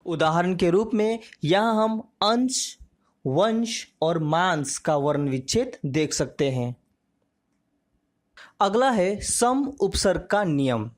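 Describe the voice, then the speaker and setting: A woman teaching a grammar lesson, slow and measured, drawing out each example word. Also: lowish voice, animated, a little mellow.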